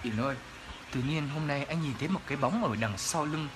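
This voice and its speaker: A young man putting on a low, hushed ghost-story teller's voice, drawn out and dramatic. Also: fairly quick, faint music behind, close to an everyday voice. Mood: eerie. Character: deep spooky male ghost-story teller.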